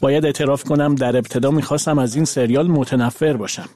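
A man giving a measured voice-over translation of a guest's interview answers. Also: mid-range voice, steady tone, warm tone.

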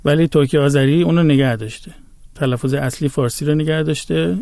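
A man's voice: a little high, gravelly, a little mellow, no room sound, studio quality. A man whose first language is Azerbaijani Turkish, a guest in a conversation, patiently explaining and giving many spoken examples.

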